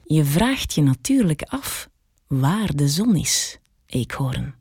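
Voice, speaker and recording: A woman's voice: deep voice, big pitch swings, takes it slowly, darkish tone, slightly rough, no echo, clean studio sound, exaggerated voice. A woman voicing a self-important male wasp in a children's story, speaking with a weighty, grave manner. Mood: pompous.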